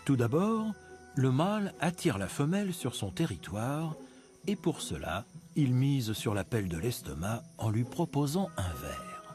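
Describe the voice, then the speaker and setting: A man narrating a nature documentary from a script, in a measured, expository storytelling manner with dramatic emphasis. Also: mid-range voice, big pitch swings. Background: music bed behind the voice.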